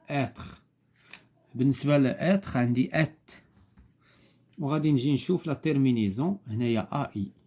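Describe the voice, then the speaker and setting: A man's voice: mid-range voice, warm tone. A man with a Moroccan accent, a teacher patiently explaining homework step by step and spelling out letters.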